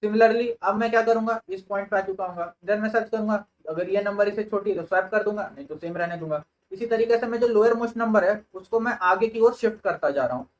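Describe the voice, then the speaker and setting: This low-quality clip features a computer science tutor, a young man whose accent is Indian English, walking through sorting algorithms in blended Hindi and English. He talks fast with few pauses in a high voice, reasoning out loud at every step.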